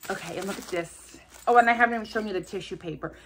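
A woman's voice: mid-range voice, quick pace, slight background noise. A woman vlogger chatting casually to camera while unboxing gifts, gushing and gasping over each one and rambling off into asides. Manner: rambling, jumps between asides. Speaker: vlogger opening subscriber gifts.

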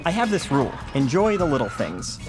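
A man's voice: medium pitch, huge pitch swings, a little fast, over music, rough recording. An actor playing a neurotic, bookish American survivor in his thirties, wordy and precise, in a comedy film. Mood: wry, nostalgic. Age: 30s. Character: neurotic, bookish, earnest young male survivor. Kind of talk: film comedy narration and dialogue.

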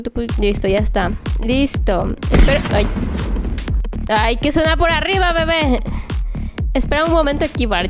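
A young woman narrating her doll play in a lively, exclamatory way, talking to the toys like a babysitter. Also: on the high side. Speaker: toy play vlogger.

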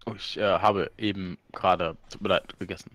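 A man's voice: sits low, fairly even intonation, moderate pace, fairly bright tone, no room sound. A man in his thirties playing a tabletop game, chatting partly in character on a video call. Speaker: tabletop role-play player. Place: room at home, video call.

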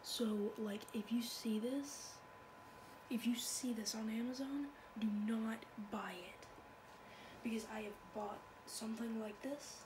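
In a noisy amateur home recording, a woman with a fairly high voice speaks at a measured pace. She's a video blogger browsing at her home computer, chatting casually, rambling, and repeating phrases as she looks around online.

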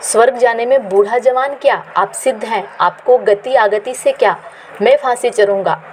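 A woman's voice: on the high side, normal speed, darkish tone, a little hiss or hum, close to an everyday voice, low-quality recording. A woman reading the lines of a frightened, plump young male disciple who pleads and wails. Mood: insistent. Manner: pleading, wailing.

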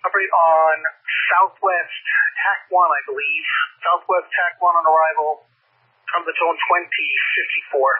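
A man working as a fire dispatcher, heard over a two-way radio, making a brisk announcement and repeating the address. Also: a little high, fairly even intonation, breathy edge. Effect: two-way radio transmission. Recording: phone-like dispatch radio channel.

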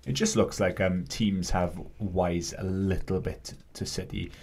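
A man co-hosting a football podcast, relaxed and measured with lots of ums. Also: deep voice. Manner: relaxed, measured, filler-heavy. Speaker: podcast co-host. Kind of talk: casual football chat.

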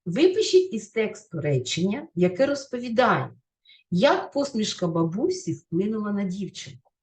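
Woman, Ukrainian accent, teacher, expressive read-aloud, very lively pitch, careful word stress. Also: normal speed. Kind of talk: reading aloud a story, then explaining a lesson.

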